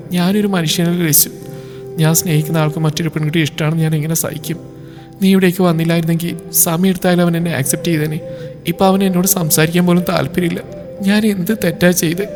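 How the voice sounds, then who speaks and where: A man's voice: fairly high pitch, close to an everyday voice. A man voicing a sobbing, pleading young woman. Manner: sobbing, begging.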